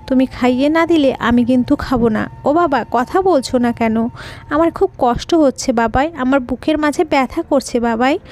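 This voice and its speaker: A woman's voice: high-pitched, normal speed, a little mellow, lightly acted. A woman voicing a grieving little girl pleading tearfully with her silent father in an audio story.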